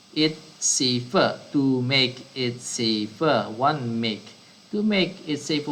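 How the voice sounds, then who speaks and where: A man's voice: a little high, a little hiss or hum, poor audio. A man teaching a science lesson to children, often repeating and rephrasing his words. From Brunei. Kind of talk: slow online science lesson.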